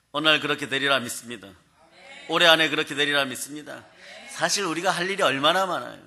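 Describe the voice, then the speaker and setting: A male pastor preaching a sermon in a humorous, lively way, often prompting the congregation to answer. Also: on the high side. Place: prayer house sanctuary.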